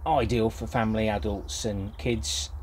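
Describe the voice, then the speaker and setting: A rough recording with slight hiss or hum captures an older British man, grandfatherly in age, speaking unhurriedly in a low, slightly mellow voice with fairly even intonation. As a gardening vlogger, he gives an informal, unscripted product review in a hesitant, meandering way.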